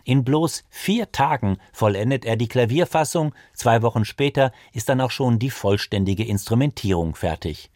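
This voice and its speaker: Dry, measured male radio narrator. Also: mid-range voice, animated, a little mellow, no echo. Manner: measured, precise delivery. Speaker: radio presenter. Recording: dry studio sound.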